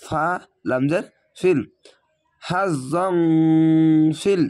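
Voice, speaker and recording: A man with a somewhat high, hoarse voice teaches reading aloud. He breaks each word into letters and vowel marks, then joins them, in a slow, patient teaching manner. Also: steady tone. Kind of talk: spelling-out recitation lesson.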